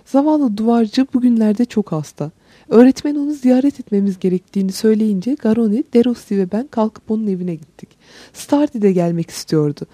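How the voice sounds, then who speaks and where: Breathy, mellow woman narrating an audiobook. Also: mid-range voice, no room sound. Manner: calm, measured storytelling.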